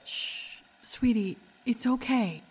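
A woman's voice: a little high, big pitch swings, moderate pace, husky, low-quality recording. A woman playing a ghostly doctor and mother, tender yet torn, in an audio drama. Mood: soothing, tender.

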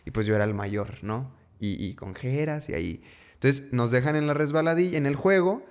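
A man's voice: medium pitch, normal speed. Mexican man telling a story casually. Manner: conversational, repeats words for emphasis, slangy asides.

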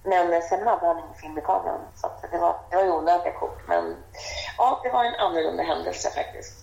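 Woman radio guest, heavy vocal fry, animated storyteller, muffled roomy sound. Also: fairly low pitch. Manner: lively and animated, acts out the voices of people in her story. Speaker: interview guest. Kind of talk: casual storytelling.

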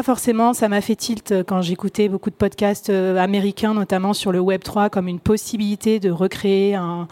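Woman podcaster, panel guest, chatty and rambling, mid pitch, dry sound. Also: dark tone, dry recording. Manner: chatty, loose, frequent fillers and restarts. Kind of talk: round-table discussion. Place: conference stage.

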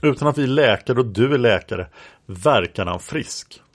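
A man reading the lines of a calm, formal male police interrogator from a transcript, in a procedural questioning manner. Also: medium pitch, no room sound, studio quality, lightly acted.

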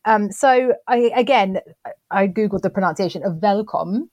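A woman's voice: mid-range voice, moderate pace, a little mellow, dry recording. A woman co-hosting a podcast in casual, chatty talk, self-deprecating and full of restarts. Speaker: podcast co-host. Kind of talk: casual chat.

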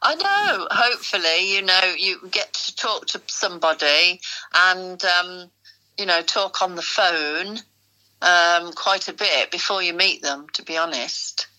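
A woman's voice: on the low side, animated, unhurried, pushed and bright, low-quality recording. A middle-aged British woman giving casual agony-aunt advice, hesitant and thinking aloud with plenty of "you know".

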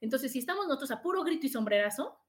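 Speaking very fast with a high pitch and lively intonation, this middle-aged Mexican podcast host chats casually with live listeners. She gives advice and keeps checking in with "¿no?" after each point.

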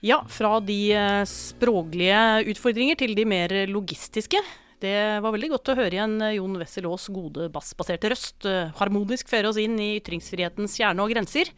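A woman's voice: mid-range voice, smooth, faint music behind. A woman hosting a podcast, interviewing a guest and closing the episode in an articulate, upbeat way. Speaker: podcast host.

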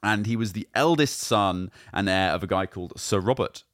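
A man hosting a comedy history podcast, telling the story in a halting way, full of ums and restarts. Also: on the low side, a bit bright, no room sound, clean studio sound. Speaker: podcast host. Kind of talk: casual comedic history chat.

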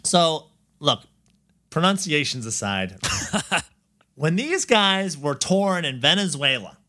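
Chatty, bright-voiced male podcast host. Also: fairly high pitch, expressive, slow. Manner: laughs often, rambling with fillers. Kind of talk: casual chat.

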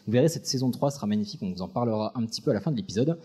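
A man's voice: on the low side, lively intonation, racing, dark tone, slightly rough. A man hosting a podcast in front of a live audience, with playful, teasing banter that hops between jokes and running the show. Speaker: podcast host.

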